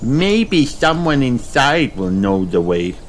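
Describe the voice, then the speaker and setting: A man's voice: mid-range voice, very animated, slow pace, noisy background, pitched above the performer's own voice. A man voicing a cheerful, curious little girl pig for a children's storybook.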